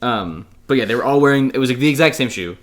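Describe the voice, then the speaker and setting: A man's voice: medium pitch, expressive, fast. Male podcast co-host, rambling, profane, laughs a lot. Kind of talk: casual chat.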